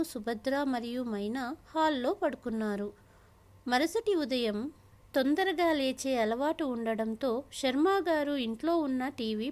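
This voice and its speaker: High-voiced woman narrating a story. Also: a little mellow.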